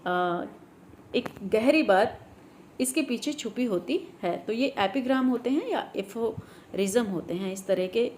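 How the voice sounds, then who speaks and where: A woman teacher leads an exam revision class on literary terms, blending Hindi and English and reading the English definitions slowly. Her voice is on the high side, expressive and darkish, and she often tosses in "guys" and "theek hai." There's a little hiss or hum in the recording.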